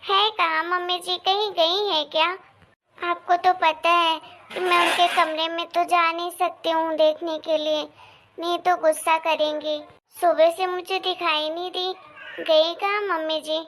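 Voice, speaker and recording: A woman's voice: very high voice, little pitch movement, unhurried, fairly bright tone, slight background noise. A woman voicing a young, dutiful daughter-in-law in a cartoon story, speaking politely and with worry. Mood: worried. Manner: polite and worried.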